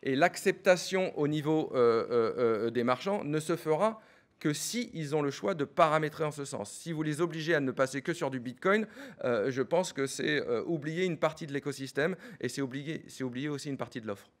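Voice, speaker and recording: A middle-aged man giving a fast business pitch, full of fillers and repeated words. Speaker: startup executive pitching.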